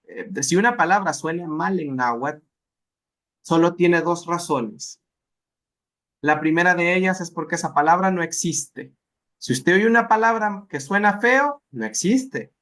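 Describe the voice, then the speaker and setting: A man teaching a language class, speaking slowly and patiently and repeating words aloud so students can hear them. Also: fairly high pitch, a bit bright. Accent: Salvadoran. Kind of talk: live class instruction.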